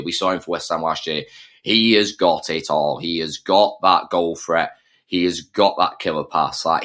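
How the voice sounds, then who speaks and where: Deep-voiced blunt football fan. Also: male voice, a bit bright. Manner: blunt, swears, laughs easily. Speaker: podcast co-host, season-ticket fan. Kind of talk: casual football chat.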